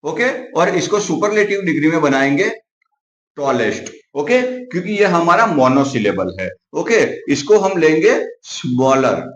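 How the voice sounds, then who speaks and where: A man teaching English grammar, who says "okay" often and says example words again slowly. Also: a little high. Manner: says "okay" often, writes while explaining. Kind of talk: explaining grammar to viewers. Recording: echoey, slightly dull recording.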